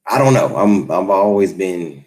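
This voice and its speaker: Unhurried and friendly, a forty-something YouTube creator chats on a livestream from his Los Angeles home, reading comments and replying off the cuff. He has a lowish voice with lots of rise and fall in pitch, and he rambles in a relaxed, easygoing way.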